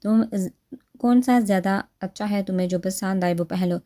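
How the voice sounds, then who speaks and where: A woman voices a shy young wife in a romantic storybook. She sounds flustered and slightly irritated, with a warm, darker tone. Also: medium pitch, close to an everyday voice. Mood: light.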